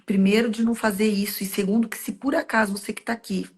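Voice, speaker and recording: A woman's voice: medium pitch, steady tone, quick pace, slight background noise. A woman hosting a faith-based conversation, telling stories earnestly and making heartfelt direct appeals to the listener. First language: Portuguese. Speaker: host.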